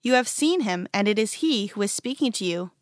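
A calm grown man with quiet authority who speaks bluntly, as a woman reads his words. His lines sit lower and softer than the narration around them. The storybook reading is dry and close. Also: a little fast, dry recording, close to an everyday voice.

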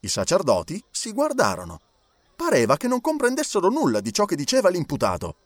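A male narrator reads an adventure novel with very animated intonation and a slightly raised pitch. The recording is dry and close on the mic, with no room sound. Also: brisk, dry recording. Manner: expressive reading, lively intonation. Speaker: audiobook narrator. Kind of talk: scripted narration.

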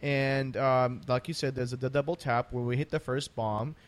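A man's voice: mid-range voice, fairly even intonation, moderate pace. A man hosting a conversational interview, talking emphatically and repeating phrases to drive points home. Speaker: interview host.

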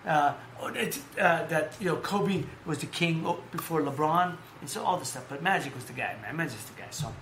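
A man hosting a casual sports chat, telling stories in a rambling, animated way with lots of fillers. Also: a little high, brisk, hardly any pauses, roomy sound, a little hiss or hum. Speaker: podcast host.

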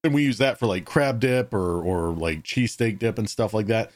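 A man's voice: lowish voice, normal speed. Laid-back man hosting a casual chat. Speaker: podcast host.

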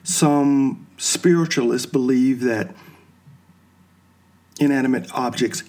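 In a slightly mellow, mid-range voice, this man works through his thoughts without a script, raising questions and then responding to them himself. His explanations are slow and reflective, pulling from movies and religion.

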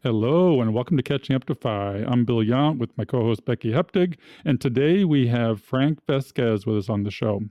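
A man's voice: medium pitch, lively intonation, moderate pace, few pauses, no room sound, highs cut off. A man hosting a podcast, reading a scripted guest introduction and talking with his co-host.

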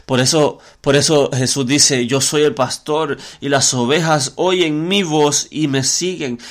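Earnest male preacher, somewhat high. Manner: earnest, repeats words, frequent fillers. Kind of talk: sermon.

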